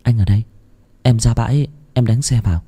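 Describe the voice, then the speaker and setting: A man's voice: mid-range voice, fairly quick, dark tone, slightly rough, close to an everyday voice. A man voicing a worried, caring young woman colleague in a spoken ghost story. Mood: teasing.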